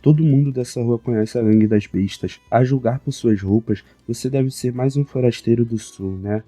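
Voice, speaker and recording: A man's voice: mid-range voice, moderate pace, dark tone, no echo, faint music behind, natural voice. A Brazilian man voicing a crude, bullying pig gang boss in a comic recap, speaking with a Brazilian Portuguese accent. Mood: mocking. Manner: crude, threatening, mocking.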